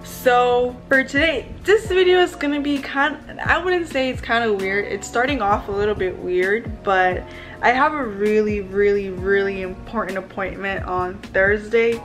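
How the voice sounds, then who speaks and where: A woman's voice: mid-range voice, a little slow, faint music behind. A woman in her twenties chatting casually to camera as a vlogger, in slangy, informal speech with emphatic repetition. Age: 20s. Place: small plain room indoors. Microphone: camera at arm's length.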